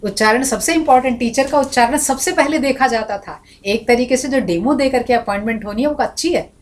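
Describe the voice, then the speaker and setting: A woman teaches a Sanskrit class in a high, brisk voice. She explains points at length, breaking off into spoken examples and recited sound drills.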